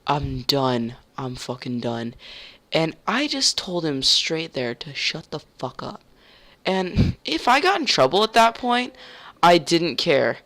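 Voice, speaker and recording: A man's voice: high-pitched, big pitch swings, measured pace, bright, forceful tone. A young man telling a heated story in a casual rant, swearing and stumbling over restarts.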